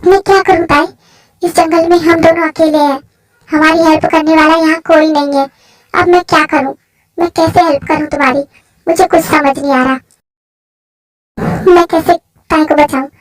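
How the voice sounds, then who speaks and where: A woman's voice: sits high, steady tone, moderate pace, long pauses, faint music behind, lightly acted. A woman voicing an anxious, protective young man in a fan story, talking in a pleading, fretful way. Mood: worried.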